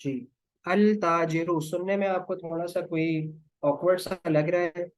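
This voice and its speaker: A male teacher leads a grammar lesson at a slow, deliberate pace. He sounds down to earth and repeats words patiently for his class, with a slightly high voice. The recording is dry and close. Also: steady tone, no echo.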